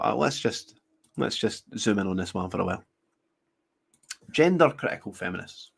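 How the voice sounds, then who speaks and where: A man hosts his own show, reading articles aloud and interrupting himself with sneering asides. He laughs often and stumbles through restarts as he riffs, in a medium-pitched voice. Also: gravelly. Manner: halting, many restarts while reading. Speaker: show host. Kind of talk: reading news aloud with commentary.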